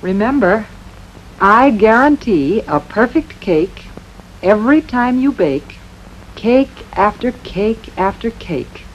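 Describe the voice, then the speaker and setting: A confident homemaker spokeswoman pitches a product with earnest, emphatic promises. Her mid-range voice comes through with the dull, lo-fi sound of a 1950s TV broadcast. A faint hiss runs under the speech. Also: expressive, takes it slowly. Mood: assured. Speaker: brand spokeswoman. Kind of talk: scripted TV commercial pitch.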